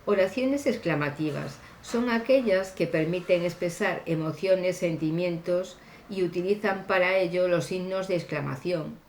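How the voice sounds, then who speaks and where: A woman teacher explaining grammar slowly and deliberately, pausing often with fillers. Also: lowish voice, darkish tone, echoey room, slight background noise. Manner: deliberate, hesitant with frequent fillers. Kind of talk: slow classroom grammar explanation.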